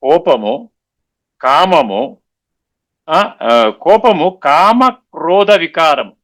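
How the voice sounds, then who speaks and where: A man giving a spiritual discourse, explaining patiently, slowing down on key sayings and often checking that listeners understood. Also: a little high, animated, fairly bright tone. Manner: mixes English words into his talk; repeats and slows down on key sayings. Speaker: spiritual lecturer.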